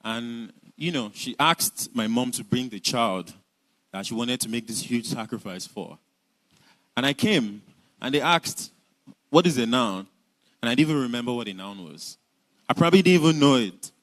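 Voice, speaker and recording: The audio is poor, but the young Nigerian man's medium-pitched voice comes through expressive and a bit bright, at normal speed. Speaking with a Nigerian accent, he narrates his life earnestly and thoughtfully, laughing lightly at times.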